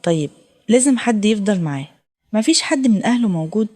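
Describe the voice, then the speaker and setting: A man's voice: sits high, lively intonation, fast, a little mellow. A woman doing a matter-of-fact Egyptian doctor. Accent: Egyptian Arabic. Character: businesslike hospital doctor, calm and practical.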